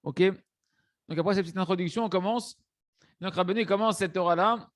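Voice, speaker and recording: A Torah teacher with a rather high voice moves briskly through a religious text, often restarting phrases and mixing in words. He checks in with listeners using frequent "hein" and "d'accord," and the recording is close and dry with no echo.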